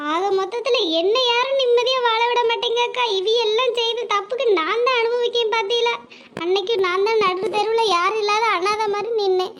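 A woman voicing an anxious, put-upon young wife in a cartoon, speaking plaintively. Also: very high voice. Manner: plaintive, complaining.

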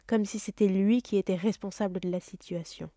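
A woman reading a children's novel aloud with steady, expressive storytelling. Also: medium pitch, fairly quick, no echo, clean studio sound. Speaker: audiobook reader.

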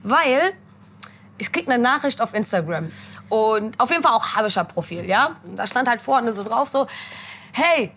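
A young woman in casual chat, telling animated stories and acting out her mother's voice. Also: fairly high pitch, normal speed, a little hiss or hum. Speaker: guest.

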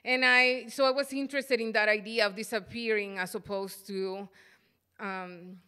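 A middle-aged woman from El Salvador lectures at a podium microphone in a hall. Her voice is bright and smooth. She speaks thoughtfully, pausing often with fillers. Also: mid-range voice, fairly even intonation. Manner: thoughtful, halting with frequent fillers. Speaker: artist giving a lecture. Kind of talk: lecture presentation.

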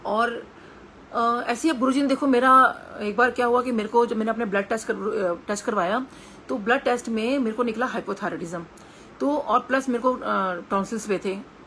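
A middle-aged woman with an Indian Hindi accent leads a devotional satsang talk. She speaks in a slightly high voice, earnest and conversational, pausing and restarting as she tells her stories. A faint hiss of noise sits under the recording. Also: fairly bright tone.

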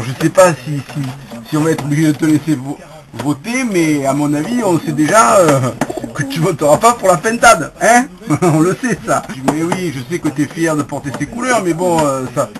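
A man filming a playful home video, coaxing and teasing his pet bird in baby talk and joking to the camera. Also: high voice.

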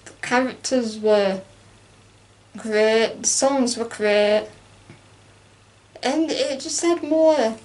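A woman's voice: fairly high pitch, extremely slow, long pauses. Chatty young woman. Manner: chatty and animated, acts out quotes with laughs. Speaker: co-host. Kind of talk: casual chat reviewing a film.

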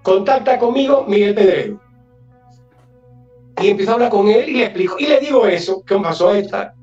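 A man from Galicia, Spain, a guest telling an anecdote in an animated way and acting out the dialogue. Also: sits high, fairly quick, distant mic, dull audio, faint music behind. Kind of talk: storytelling anecdote.

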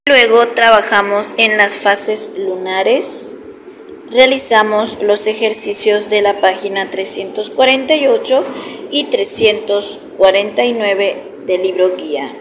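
A woman with a Mexican Spanish accent, a primary school teacher, summarizing the day's class slowly and directly for her pupils. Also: mid-range voice. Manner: slow, explanatory, addresses pupils directly. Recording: roomy echo with clear background noise.

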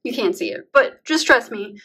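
A young woman with a slightly high voice talks casually to her camera at home, rambling with plenty of "like"s and little laughs. She sounds worn out and sometimes short of breath after a long day of painting. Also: lively intonation, normal speed, sharp tone, a little hiss or hum. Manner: chatty, rambling, uses "like" often, laughs between words. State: tired, out of breath at times. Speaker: vlogger. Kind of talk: casual vlog talk to camera. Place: home bedroom being painted.

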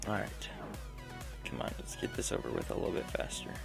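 A young man casually narrating his own gameplay at home, chatty and prone to interrupting himself. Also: brisk. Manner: chatty, self-interrupting play-by-play. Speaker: gaming channel host. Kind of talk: casual game commentary. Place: home room. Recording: faint background music.

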